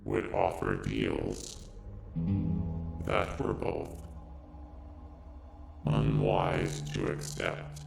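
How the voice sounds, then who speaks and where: A man voicing a cryptic robot oracle through a robot voice filter, speaking in slow, measured riddles. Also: extremely low pitch, fairly even intonation, creaky, voice pushed down, heavily acted. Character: deep droning robot oracle, cryptic and evasive. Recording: echoey filtered voice over music.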